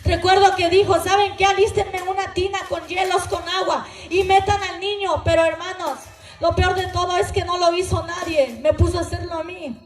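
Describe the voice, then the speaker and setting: A woman's voice: very high voice, steady tone, moderate pace, echoey room. A woman with a Mexican Spanish accent telling an emotional, earnest testimony to a church congregation. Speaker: testimony speaker at a church gathering. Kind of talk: spoken testimony.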